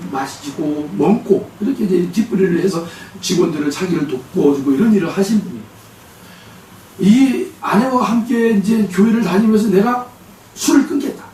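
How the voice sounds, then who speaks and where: Male pastor, lively sermon storyteller, fairly high voice, echoey church hall, distant mic. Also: a little hiss or hum. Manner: animated storytelling, acting out quotes. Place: church sanctuary.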